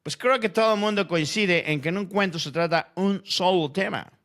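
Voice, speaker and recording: In a scripted educational audio fiction, a man plays a logical-minded character who debates and explains how stories work, in an explanatory mood. His voice is high-pitched and fairly bright, at normal speed.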